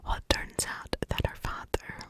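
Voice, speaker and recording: In a soft ASMR whisper, a woman narrates a true crime tale, leaving deliberate pauses after each brief phrase.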